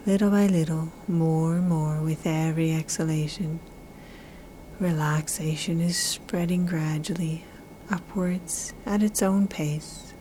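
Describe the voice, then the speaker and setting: A woman leads a guided relaxation in a soft spa-like half-whisper. Her voice sits fairly low and soothing, with drawn-out, repeated phrases. A light layer of ambient noise runs behind her. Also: steady tone, poor audio. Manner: slow, drawn-out phrasing with repetition.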